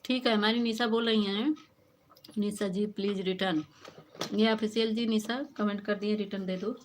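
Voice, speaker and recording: A woman's voice: medium pitch, fairly even intonation, moderate pace, slight background noise. A woman with an Awadhi-flavoured Hindi accent hosting a live stream, chatting with viewers by name as she reads their comments, scolding them at times and laughing. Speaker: livestream host. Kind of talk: casual livestream chat reading comments.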